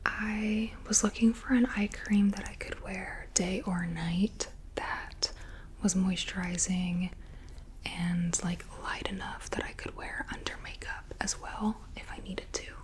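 A woman doing a whispered role-play as a gentle, soothing spa attendant, in a soft, breathy whisper. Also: medium pitch, steady tone, unhurried. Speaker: ASMR host playing a spa beautician.

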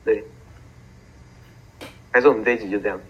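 On a muffled single-track home recording, a teenage boy from Taiwan co-hosts a casual podcast, narrating stories and teasing his buddy. His voice is fairly low and husky, steady in tone, and he talks fairly quickly.

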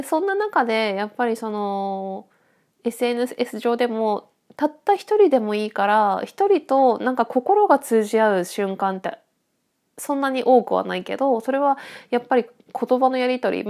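A woman's voice: on the high side, darkish tone. Woman with a stuffy, nasal voice. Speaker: audio podcast host. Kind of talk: casual solo chat, thinking aloud.

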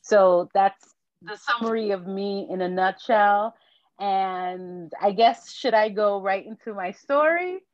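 A woman's voice: mid-range voice, dry recording, muffled recording. Candid woman telling her story, dry sound. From Haiti. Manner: reflective, candid, halting with restarts. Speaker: podcast guest. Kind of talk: personal storytelling interview. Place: New York.

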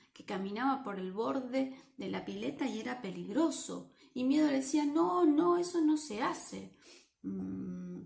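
A woman with a Rioplatense Spanish accent reads a picture book aloud to children, playful and lively, often asking them questions. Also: fairly high pitch, creaky, roomy sound. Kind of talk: animated read-aloud for children.

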